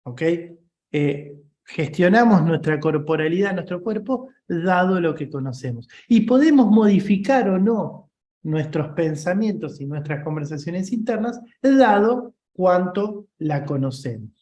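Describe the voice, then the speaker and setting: A man's voice: high voice, lively intonation, unhurried, a little mellow, echoey room, dull audio. A man with a Rioplatense Spanish accent, giving an informal leadership coaching class and checking in often with his listeners.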